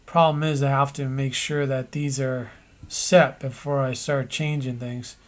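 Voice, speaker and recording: A man narrating an animation tutorial, thinking aloud as he works, with pauses and restarts. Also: mid-range voice, level tone.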